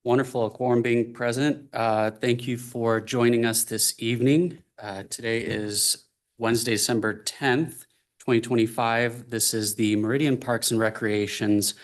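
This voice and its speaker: A man chairing a city commission meeting, speaking haltingly with many fillers. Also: medium pitch.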